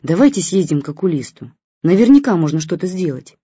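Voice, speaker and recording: A woman reading an audiobook, voicing a blunt, sharp-tongued young mother. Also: on the low side, very animated, brisk, slightly rough, dry recording, full character voice. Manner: snappy, blunt. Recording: dull lo-fi recording.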